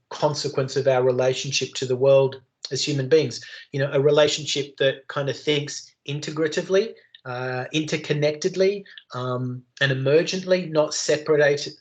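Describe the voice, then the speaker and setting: An Australian man closing out an online lecture on a video call. He talks in long, rambling strings of descriptive words, with lots of "um" and "you know" and frequent restarts. His voice sits at an ordinary pitch for a man. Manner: rambling, full of fillers and restarts. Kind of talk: online class wrap-up.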